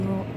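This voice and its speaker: A Japanese woman who speaks English with a Japanese accent as a second language, talking in a shy, halting way in a casual vlog, partly in a convenience store. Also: mid-range voice, very noisy. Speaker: guest vlogger.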